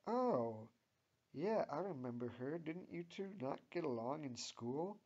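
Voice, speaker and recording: A man's voice: fairly high pitch, animated, measured pace, darkish tone, slightly rough, lo-fi sound, voice pushed up, exaggerated voice. A man voicing a gushing, happy middle-aged mother.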